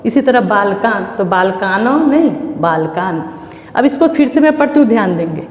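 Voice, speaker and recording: A woman's voice: high voice, big pitch swings. Indian woman teacher, echoey room. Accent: Indian, Bihar. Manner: recites word forms in slow, deliberate drills. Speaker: Sanskrit teacher. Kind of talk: online class lesson. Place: classroom or school room. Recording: echoey room, dull lo-fi sound.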